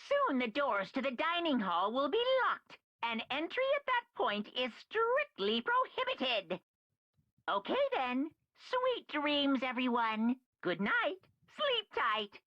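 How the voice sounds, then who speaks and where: A woman's voice: sits high, big pitch swings, takes it slowly, pushed and bright, dry recording, exaggerated voice. Monokuma, a woman voicing a singsong robot bear. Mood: mock-sweet. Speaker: school announcer. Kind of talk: video game voice acting. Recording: dull lo-fi game audio.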